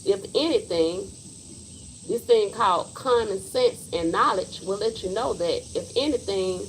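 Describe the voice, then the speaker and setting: A woman's voice: mid-range voice, unhurried, a little hiss or hum, poor audio. A woman in her forties, hosting a casual livestream and speaking her mind bluntly and emphatically. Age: 40s. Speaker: livestream host.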